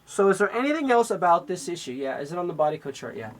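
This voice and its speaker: A man's voice: high voice, big pitch swings, quick pace, poor audio. A man working as an energy healer on a radio call-in show, talking in an instructive way. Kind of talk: call-in healing session.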